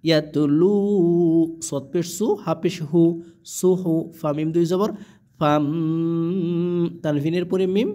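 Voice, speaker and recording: A man gives a Quran reading lesson, spelling each word patiently and then stretching the recited syllables long. His voice sits a little high but sounds mellow and soft-edged. Between the words he explains the reading rules in a plain teaching tone. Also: a little slow, long pauses. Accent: Bangladeshi.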